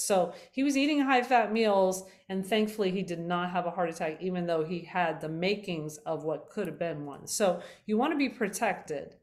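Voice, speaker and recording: A woman's voice: fairly low pitch, darkish tone. Chatty woman giving a health talk. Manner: chatty, with many fillers and self-corrections. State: slightly losing her voice. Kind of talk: casual health talk to viewers.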